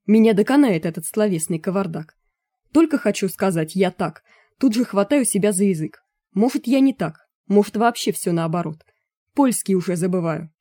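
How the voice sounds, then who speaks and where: A woman's voice: medium pitch, mellow, dry recording, studio quality, close to an everyday voice. Woman doing a mocking, ironic man. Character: ironic, easily confused man.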